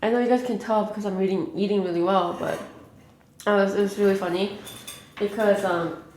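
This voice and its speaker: A woman's voice: mid-range voice, fairly even intonation, fairly quick, darkish tone, a little hiss or hum. Rambling young woman in an echoey room. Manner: rambling, heavy use of 'like'. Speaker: mukbang vlogger. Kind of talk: casual chat while eating.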